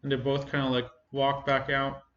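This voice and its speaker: A man runs a tabletop game, narrating casually and haltingly as he improvises. His voice is fairly flat in pitch and comes from an echoey room. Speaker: game master. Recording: echoey room, slightly muffled, faint noise.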